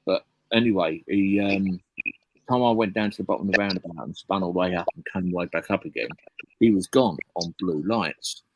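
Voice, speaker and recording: A man's voice: low voice, brisk, a little hiss or hum, rough recording. A man telling a rambling, swear-filled story on a casual live stream. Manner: heavy swearing, blunt rambling anecdote.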